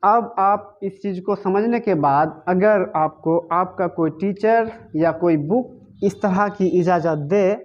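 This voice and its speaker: A man's voice: high-pitched, slow pace. A male teacher giving a grammar lesson, asking his class questions and answering them himself, repeating the key words. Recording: dull lo-fi recording.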